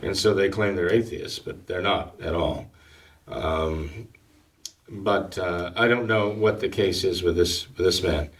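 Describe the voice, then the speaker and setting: A man, a priest, explaining his views on a talk show in a measured, hesitant way, with many pauses and restarts. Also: deep voice. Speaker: priest and guest. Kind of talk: casual talk-show discussion. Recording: somewhat distant from the mic.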